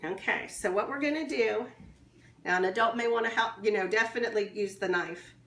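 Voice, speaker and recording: A woman teacher walks young children through a kitchen demonstration, patient and unhurried. Her voice has a gravelly edge and sits at a middle pitch. The room is echoey, with faint background noise. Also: fairly bright tone. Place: kitchen with running water.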